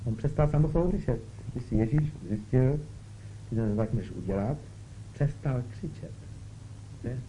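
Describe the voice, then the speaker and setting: Pausing often, this preacher speaks in a warm, mid-range voice with lively intonation during his spiritual talk. He keeps engaging listeners with brief questions, captured on a dull lo-fi recording with faint hiss.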